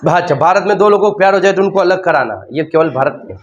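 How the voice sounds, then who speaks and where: A man's voice: high voice, animated, quick pace, dull audio, a crowd in the background. A man with a Hindi accent teaching a sociology class, repeating key terms and asking and answering his own questions. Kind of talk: classroom lecture.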